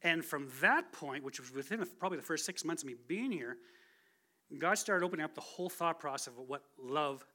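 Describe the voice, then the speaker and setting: A man in his forties, a guest speaker, gives a casual, chatty sermon testimony from the pulpit of a church sanctuary, joking at his own expense. His voice sits a little high, and his delivery is animated, brisk, bright and forceful.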